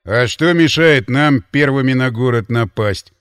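A surly young drunk slurs and sneers his way through each line, as a man reading an audiobook puts him on. Words come slow and heavy, recorded dry and close. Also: medium pitch, a bit bright, clean tone, no room sound, close to an everyday voice. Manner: slurred, sluggish, sneering.

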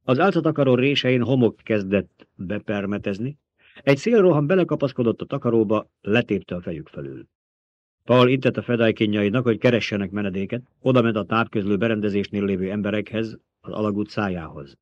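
A man narrating an audiobook in an even, steady reading, in a dull lo-fi recording. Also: lowish voice, no echo. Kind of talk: scripted narration.

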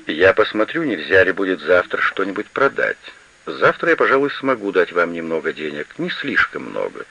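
A man's voice: sits low, big pitch swings, normal speed, creaky, bright, forceful tone, breathy edge, exaggerated voice. Man voicing a stubborn, gloomy young manager. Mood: firm. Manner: terse and unyielding. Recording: slightly lo-fi recording.

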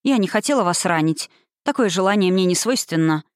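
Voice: mid-range voice, expressive, fairly quick, clear, resonant tone, no echo, studio quality, close to an everyday voice. A reader voicing a prim, haughty young society woman in an audiobook. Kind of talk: audiobook reading.

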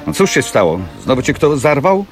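A man voicing an impatient, cynical young factory manager who speaks briskly, in an audiobook reading of a classic novel. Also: fairly high pitch, big pitch swings, music in the background, pitched above the performer's own voice. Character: cool, pragmatic young male factory manager.

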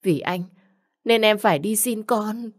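A woman's voice: mid-range voice, measured pace, voice pushed up, close to an everyday voice. Woman voicing a frightened, pleading young wife. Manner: pleading, apologetic.

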